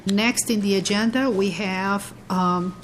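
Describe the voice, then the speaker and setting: A woman chairing a legislative committee hearing, speaking haltingly with many fillers and restarts. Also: mid-range voice, fairly even intonation, slight background noise.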